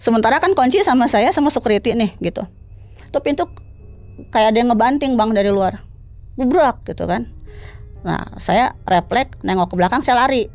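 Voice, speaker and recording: Lively slang woman telling a tale. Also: normal speed, long pauses, soft background music. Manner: slangy, lively, acts out dialogue, climbs high when tense. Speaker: storyteller. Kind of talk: casual spoken ghost story.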